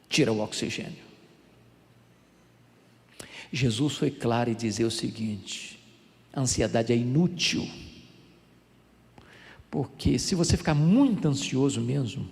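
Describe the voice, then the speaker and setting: A Brazilian man in his sixties, a pastor preaching a sermon with animated storytelling and a fervent build. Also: medium pitch, creaky, big-room sound. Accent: Brazilian Portuguese.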